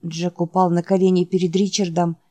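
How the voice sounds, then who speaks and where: Low-voiced woman reading an audiobook. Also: flat delivery, warm tone, no room sound. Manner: measured dramatic reading. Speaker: audiobook narrator. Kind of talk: scripted audiobook narration.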